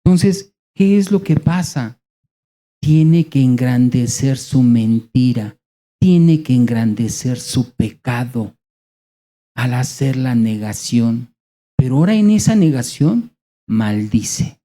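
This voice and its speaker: Dark-voiced Mexican preacher. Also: male voice, mid-range voice, expressive. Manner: conversational, rhetorical questions, dramatic pauses. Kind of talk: sermon.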